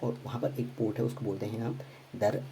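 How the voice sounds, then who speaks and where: A man teaching a quick geography revision lesson, repeating names over and over and correcting himself as he goes. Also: mid-range voice, steady tone, warm tone, a little hiss or hum, rough recording. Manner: quick, repetitive drilling with frequent self-corrections and fillers.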